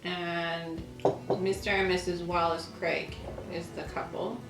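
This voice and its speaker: Taking her time, a lifestyle channel host with a fairly low voice and little pitch movement chats and reads aloud from an old newspaper. Her recording has a roomy echo and faint music underneath.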